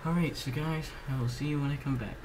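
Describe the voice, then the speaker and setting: A gaming channel host with a medium-pitched, steady voice gives casual gameplay commentary while feeling slightly unwell. He speaks in halting bursts, half muttering to himself, and clear background noise is audible in the homemade recording.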